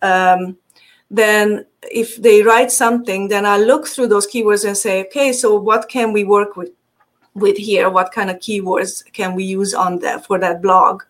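Unhurried and steady, her mid-range voice carries a casual interview chat. She's a Transylvanian woman with a Hungarian accent appearing as a marketing guest, prone to fillers, restarts and easy laughter.

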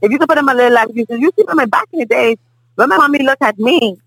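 Animated Bahamian woman telling stories. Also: sits high, fast, breathy edge, dry recording, faint music behind, poor audio. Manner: animated storyteller, often asks "you understand?". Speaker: guest. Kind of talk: casual table conversation.

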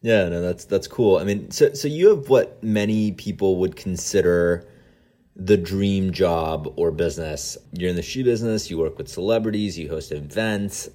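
A man's voice: sits low, moderate pace, mellow, no echo, clean studio sound. A man hosting a podcast interview, asking questions in a friendly, casual way. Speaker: podcast host.

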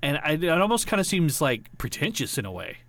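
A man's voice: fairly high pitch, wildly swooping pitch, fairly quick, a bit bright, no echo. A man chatting casually on a podcast, rambling through stories with frequent restarts and laughter. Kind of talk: casual chat.

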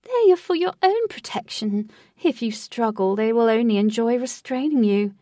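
A woman reading a storybook, voicing a smug, theatrical male host who speaks slowly and grandly. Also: on the high side, animated, mellow, no room sound, studio quality, recorded from a distance, natural voice. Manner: slow, drawn-out, lofty phrasing.

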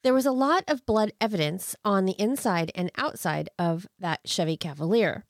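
A woman's voice: mid-range voice, normal speed, no echo, studio quality. A woman co-hosting a true crime podcast, moving between narration and incredulous, sardonic casual commentary. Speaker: podcast co-host.

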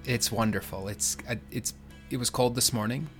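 A man's voice: medium pitch, normal speed, fairly bright tone, faint music behind. A man with an American accent chatting casually as a podcast co-host. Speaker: podcast co-host, church staff. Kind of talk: casual co-hosted podcast chat.

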